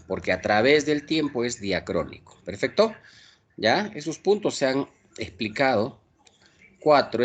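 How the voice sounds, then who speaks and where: A man teaching an online language class, possibly with a Peruvian accent, moving quickly through exercises and checking in with his students. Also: mid-range voice. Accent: Peruvian Spanish. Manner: brisk, checks understanding with frequent tag questions.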